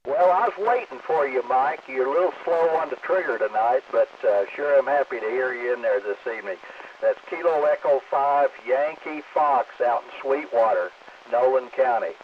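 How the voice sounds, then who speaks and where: A man's voice: medium pitch, normal speed, crowd noise. A man with an easygoing manner and many fillers, running a ham radio net heard as a radio transmission with static. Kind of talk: amateur radio net check-ins. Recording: distant, phone-like radio with faint static.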